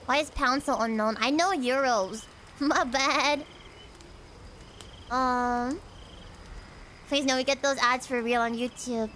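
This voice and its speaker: A young woman from the United States hosts a casual livestream from her home setup. She talks in a bubbly, giggly way, greeting viewers with a high, sunny voice. A faint background hiss stays underneath. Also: fairly even intonation, slow, long pauses, fairly bright tone. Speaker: VTuber streamer and singer.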